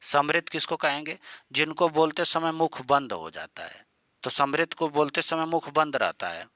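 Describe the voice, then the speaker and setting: Guy teaching an exam grammar lesson, bright voice, super dry close sound, keeps calling the students "beta". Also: a little high, moderate pace, no room sound. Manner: chatty, addresses students as "beta" and "yaar".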